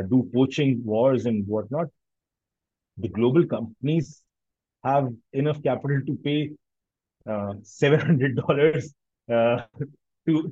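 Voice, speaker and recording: A man's voice: medium pitch, warm tone, no room sound, lo-fi sound. A man with a Pakistani accent talking analytically in casual conversation, often rephrasing himself mid-sentence.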